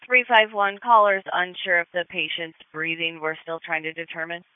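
A man's voice: fairly high pitch, normal speed, clean tone, no echo. A man working as an emergency dispatcher on ambulance radio, giving clipped procedural acknowledgements. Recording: narrowband two-way radio.

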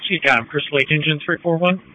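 A man's voice: fairly high pitch, fast talker, pushed and bright, slight background noise. A male firefighter giving urgent, clipped, procedural reports over a muffled two-way radio. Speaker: firefighter on engine crew radio.

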